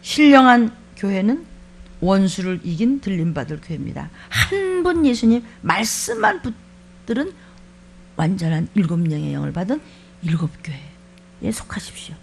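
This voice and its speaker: A woman pastor preaching a sermon, animated, acting out quoted voices and swinging between loud exclamations and hushed asides. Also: mid-range voice, normal speed, vocal fry, husky.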